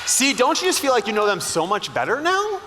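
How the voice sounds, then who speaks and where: A man's voice: high-pitched, sing-song, fast talker, a crowd in the background, background noise. A man leading a school chapel assembly, joking playfully with the students.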